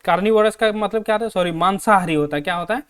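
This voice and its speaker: An Indian man with a Hindi accent, teaching an exam-prep lesson in Hindi and English. He asks his own questions and answers them, and reads the English sentences out slowly. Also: high voice, fairly bright tone, clean tone. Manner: repeats questions to students and answers them himself.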